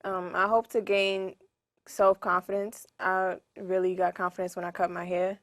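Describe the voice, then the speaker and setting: Soft, flat-voiced young woman. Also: mid-range voice, moderate pace, no echo, clean studio sound. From New York. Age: young adult. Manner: soft-spoken, hesitant, many ums. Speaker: guest. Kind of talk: casual interview answers.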